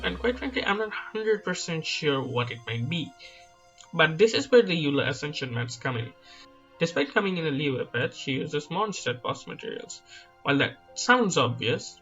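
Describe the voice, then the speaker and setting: A gaming YouTuber whose first language isn't Chinese talks over slides, speculating casually and self-deprecatingly about a video game and hedging a lot with filler words. His voice is a little high, a bit bright and slightly rough, recorded lo-fi with background music.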